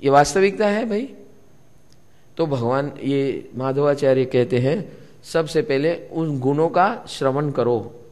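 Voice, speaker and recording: A man's voice: medium pitch, expressive, takes it slowly, darkish tone. A man giving a spiritual discourse to a live gathering, repeating key words and putting questions to his listeners. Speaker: spiritual teacher. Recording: long hall reverb.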